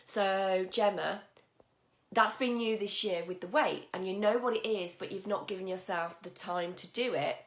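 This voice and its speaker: A woman leads a live coaching session in a husky, croaky voice with a gravelly edge. She chats encouragingly and greets viewers by name, her voice ringing a little in an echoey room. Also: medium pitch, normal speed. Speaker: mindset coach. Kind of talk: live-stream coaching talk.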